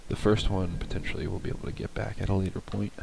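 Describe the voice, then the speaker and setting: A man's voice: deep voice, little pitch movement, quick pace, gravelly, noisy background. A man with a nasal voice from a cold, casually commentating his card game and thinking aloud with many hesitations.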